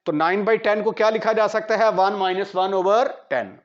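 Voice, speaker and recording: A man with a Pakistani accent teaching maths in a classroom lecture, mixing Hindi-Urdu with English terms and asking students quick checks. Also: high-pitched. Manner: asks students rhetorical checks. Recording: dull lo-fi lecture audio.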